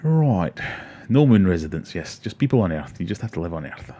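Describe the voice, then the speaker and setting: Brisk and very animated, this man has a low, warm voice and a Glaswegian accent. In his forties and from Scotland, he hosts a casual livestream where he reads comments, chats with viewers and tells self-mocking stories.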